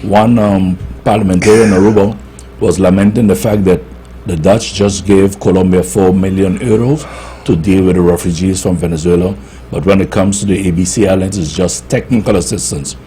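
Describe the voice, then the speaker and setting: A man's voice: sits low, fairly even intonation, moderate pace, dark tone. A man hosting a talk show, laying out news items and discussing them. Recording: clearly noisy background.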